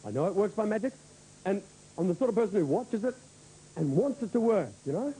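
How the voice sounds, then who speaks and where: A man's voice: sits high, animated, fairly quick, warm tone, slightly rough. A man doing an enthusiastic stand-up monologue, on a noisy old VHS tape. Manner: chatty, enthusiastic. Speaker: comedian.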